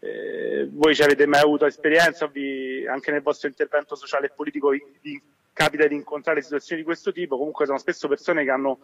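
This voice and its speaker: A man's fairly high voice comes through a speakerphone line. He addresses a gathering from afar, explaining things in a measured way and now and then restarting a phrase. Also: steady tone, creaky, fairly bright tone, highs cut off. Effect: heard over a speakerphone call. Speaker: community activist from a neighbourhood boxing gym. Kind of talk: remote talk to a public gathering.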